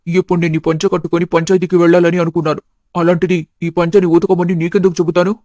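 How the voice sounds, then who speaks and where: Brief: stern father-in-law, put on by a woman, low and flat, scolding, storybook. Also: fast, dry recording, clean studio sound, natural voice. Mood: indignant. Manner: indignant, scolding.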